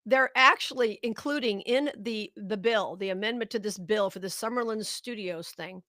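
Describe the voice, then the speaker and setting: A woman's voice: mid-range voice, normal speed, bright, forceful tone, dry recording, studio quality. A middle-aged woman hosting a live political commentary show, talking straight to her viewers with indignant, sarcastic outrage.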